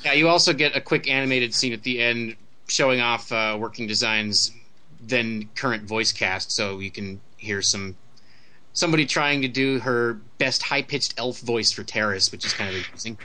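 A man with a bright, crisp-edged voice talks casually on a games panel. His delivery is conversational and wry, with dry asides in an ordinary mid-range pitch. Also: normal speed, poor audio. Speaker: panelist on a video game discussion. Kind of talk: casual chat.

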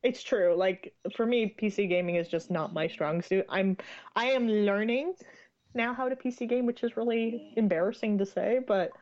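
A woman's voice: mid-range voice, moderate pace, darkish tone. A woman in her late twenties, chatting casually as a podcast co-host and laughing often. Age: 20s. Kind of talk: casual chat. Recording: dull lo-fi recording.

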